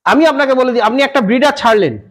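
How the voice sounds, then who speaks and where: A goat farmer from West Bengal explaining breeding to an interviewer, often checking that the listener follows. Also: male voice, extremely high pitch, quick pace. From West Bengal, India. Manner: repeats "কিন্তু" and "বুঝতে পেরেছেন?" often. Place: goat farm, outdoors.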